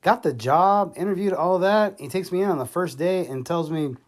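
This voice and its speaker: A man's voice: high-pitched, moderate pace. Profane rambling middle-aged storyteller man. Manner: profane, rambling, laughs often. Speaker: father telling stories to his son. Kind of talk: casual storytelling chat. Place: home in North Georgia. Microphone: iPhone.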